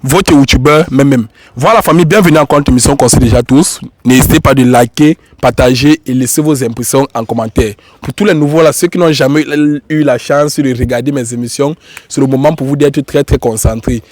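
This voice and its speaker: Hosting his online YouTube show while he has a cold, a man with a Cameroonian accent talks informally and repetitively to viewers and guests. He speaks fairly quickly in a mid-range, slightly mellow voice, and the recording has no room sound.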